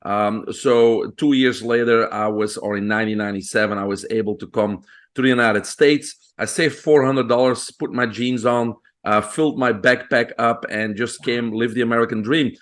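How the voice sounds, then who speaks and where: A man's voice: mid-range voice, steady tone, moderate pace. Belgian-accented man telling his story. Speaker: podcast guest, physician. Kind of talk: conversational interview.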